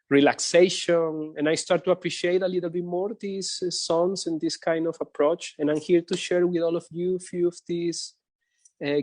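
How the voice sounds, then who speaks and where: A man from Colombia, a composer and guitarist, introducing himself over a video call in a hesitant, halting way with many fillers. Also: on the high side, darkish tone, no echo. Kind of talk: casual spoken introduction.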